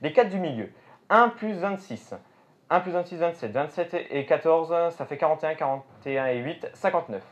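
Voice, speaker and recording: In a dull lo-fi recording with music behind him, a French magician performs live patter. His voice is fairly high and animated, at a normal speed. He thinks out loud and talks directly to the crowd.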